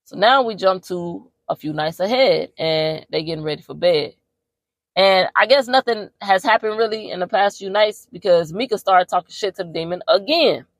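A woman podcast host giving a casual movie recap, telling it in an animated, slangy way with plenty of profanity. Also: medium pitch, normal speed, no room sound.

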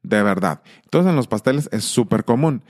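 A man's voice: on the low side, lively intonation, moderate pace, darkish tone. A man hosting his channel in a casual monologue, talking emphatically with frequent restarts. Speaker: channel host.

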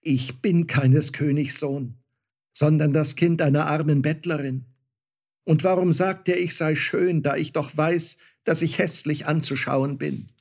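A man's voice: on the high side, steady tone, unhurried, pitched above the performer's own voice. A man voicing a poor, humble starchild boy in a storybook reading, with an earnest, pleading manner. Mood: sorrowful.

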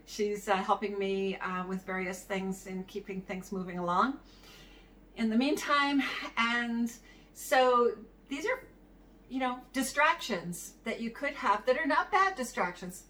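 A woman's voice: medium pitch, fairly bright tone. Woman giving practice-management advice, distant mic. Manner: conversational, tells anecdotes, chuckles now and then. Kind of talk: solo advice talk to camera. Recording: somewhat distant mic with faint background noise.

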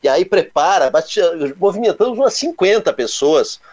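Animated man telling stories. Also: high voice, normal speed. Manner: animated, onomatopoeic storytelling. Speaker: co-host. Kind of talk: casual storytelling chat.

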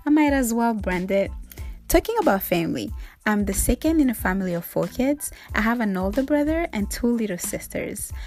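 A woman's voice: a little high, expressive, a little fast, darkish tone, faint music behind. A young woman from Rwanda hosting her own podcast, upbeat and playful, giving a motivational talk. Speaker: podcast host. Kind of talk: solo podcast monologue.

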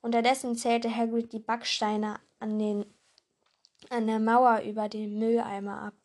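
A woman's voice: fairly high pitch, little pitch movement, unhurried, a little mellow. A woman reading a novel aloud, voicing the characters and restarting words she trips over. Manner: acts character lines, stumbles and restarts words. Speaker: reader.

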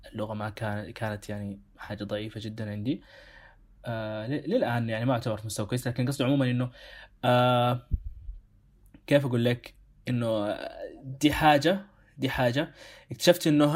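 A Sudanese man talks quickly through a casual discussion as a co-host. He thinks aloud, reflective, and keeps steering himself back to his point. His pitch sits in a middle range for a man. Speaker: show co-host.

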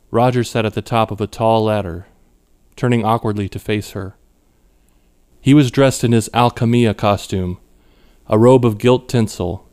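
A man reading his own short story aloud in a measured, even storytelling manner. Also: medium pitch, smooth. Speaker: author narrating his story. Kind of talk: scripted narration.

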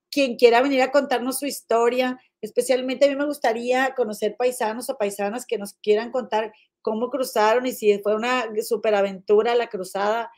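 A woman hosting a casual live podcast, chatting affectionately with her viewers, full of diminutives and "comadre". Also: fairly high pitch. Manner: frequent fillers and restarts, animated swings in loudness. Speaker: live-stream podcast host. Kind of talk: casual live chat reading viewer comments.

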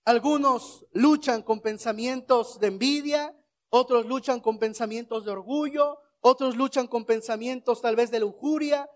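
High-voiced man preaching slowly. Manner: rhetorical questions, leads the congregation in shouted responses. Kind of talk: sermon.

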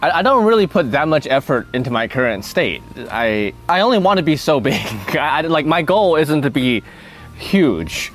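A man's voice: fairly high pitch, big pitch swings, moderate pace, soft background music. A young man in casual chat, answering would-you-rather questions, playful and thinking aloud with frequent laughs.

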